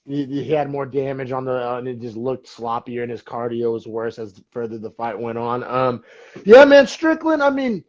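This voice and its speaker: A man's voice: medium pitch, lively intonation, moderate pace, highs cut off. A young man co-hosting a sports podcast, talking in a loose, rambling way with lots of fillers. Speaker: podcast co-host. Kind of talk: casual sports chat.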